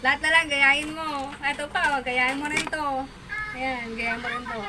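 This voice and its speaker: A woman chatting casually on a live-stream while selling stones and amulets, animated and mocking. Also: sits high, moderate pace. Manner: animated and mocking, with frequent laughter. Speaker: online seller of stones and amulets. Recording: noisy background.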